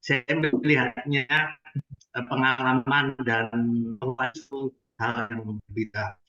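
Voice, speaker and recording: A man from Batam joining an online discussion, his voice breaking up over a bad call connection as he speaks in a halting way and repeats himself to get through. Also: mid-range voice, steady tone, pushed and bright. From Batam, Indonesia. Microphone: computer or phone mic on a video call. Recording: dull lo-fi call audio, choppy.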